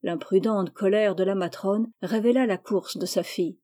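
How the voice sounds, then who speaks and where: A woman reading a classic novel aloud in a measured, unhurried way. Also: mid-range voice, fairly even intonation, dark tone. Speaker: audiobook reader. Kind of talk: scripted literary narration.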